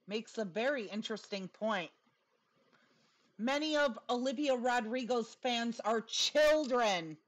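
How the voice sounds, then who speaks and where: In poor audio, a woman with a fairly high voice offers casual, opinionated commentary, blunt and sarcastic. A new dental appliance gives her a lisp with a whistling s.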